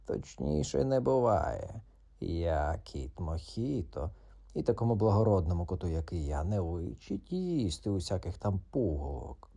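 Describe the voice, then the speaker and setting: A man voicing a proud, grumpy tomcat who growls slow threats in a children's audiobook. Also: deep voice, big pitch swings, creaky, warm tone, pitched below the performer's own voice, exaggerated voice. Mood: gruff, proud.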